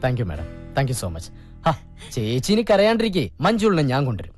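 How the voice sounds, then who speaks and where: A self-important young manager in a film comedy. His voice is slightly high and lively in its rise and fall. He is smooth and polite to superiors but bossy to staff. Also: moderate pace, soft background music. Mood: smug. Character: smug new general manager, young man.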